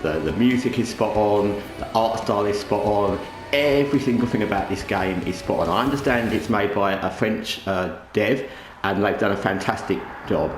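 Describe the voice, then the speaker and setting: With a towel draped over his head and the microphone tucked underneath it, a man hosts a gaming channel, giving casual, rambling commentary. His voice sits on the low side at a moderate pace, with music in the background, a roomy echo, and faint noise.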